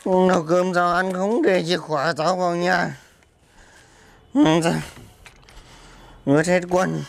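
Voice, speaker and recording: A man's voice: sits high, fairly even intonation, takes it slowly, vocal fry, full character voice. An actor playing a drunk, belligerent husband locked out of his house, slurring and mumbling. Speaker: comic skit actor. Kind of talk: amateur comedy skit acting.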